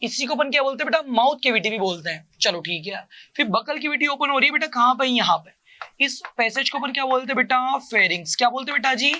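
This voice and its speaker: Male coaching teacher, bright tense voice, dry close mic. Call-and-response drilling that keeps addressing the student warmly. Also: expressive, quick pace, no echo. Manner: asks a question, then answers it himself in a lower voice; keeps calling the listener "beta" and repeats each term.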